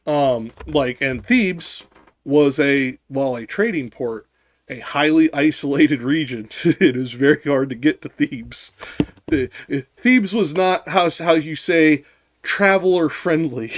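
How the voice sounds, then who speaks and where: A man's voice: on the high side, slow pace, no room sound. Rambling man hosting a casual stream. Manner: rambling, heavy fillers and restarts, swears. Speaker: streamer host. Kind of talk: casual live-stream discussion.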